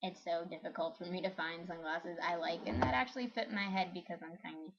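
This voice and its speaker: A woman's voice: fairly low pitch, fairly even intonation, brisk, vocal fry, noisy background. A young woman vlogger chatting casually and giggling, with lots of fillers. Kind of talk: casual chat. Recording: dull lo-fi home video.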